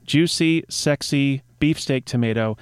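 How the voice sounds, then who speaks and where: A man's voice: medium pitch, measured pace, clean tone. A man hosting a radio show, chatting casually in a playful, meandering way. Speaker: radio host.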